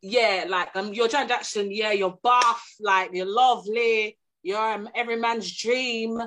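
A woman's voice: a little high, fairly even intonation, a little slow, a bit bright, slight background noise. A woman, thinking aloud in emphatic, slangy casual chat.

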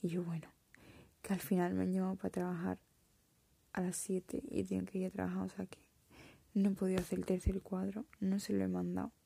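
Young woman in her twenties, mellow, husky whisper, hesitant confessional vlogger. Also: fairly low pitch, monotone, brisk, no room sound. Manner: soft whisper, hesitant and reflective. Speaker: art student.

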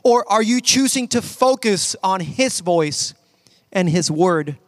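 A male pastor preaching a sermon, telling the story in a lively way and acting out the voices of the people in it, laughing at himself. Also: high-pitched, slow, no echo, clean studio sound.

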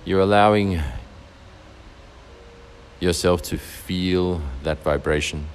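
A man leading a guided meditation in a slow, soft and soothing way. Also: low-pitched, a little hiss or hum. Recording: faint music behind.

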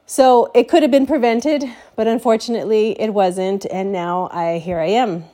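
A woman's voice: medium pitch, normal speed, warm tone. Congested woman chatting casually. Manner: candid, rambling, many fillers and restarts. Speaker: podcaster. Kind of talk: casual personal update.

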